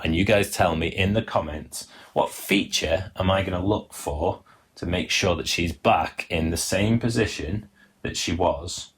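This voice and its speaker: A man's voice: low voice, breathy edge. A man hosting a live animation workshop, chatty and explaining step by step while reading out viewer comments. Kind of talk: live-stream teaching demo.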